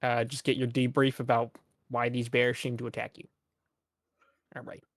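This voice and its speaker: A man's voice: medium pitch, monotone, normal speed, no room sound, studio quality, lightly acted. Man acting out a tight-lipped military captain. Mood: brisk, cordial. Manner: tight-lipped, clipped, folksy. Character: tight-lipped folksy male military captain, briskly cordial.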